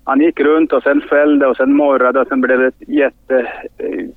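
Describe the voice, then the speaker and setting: A man leading a hunt, talking haltingly in a news interview and repeating his words as he searches for them. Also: mid-range voice, little pitch movement, no echo. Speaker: hunt leader interviewed by phone. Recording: tinny dry phone line.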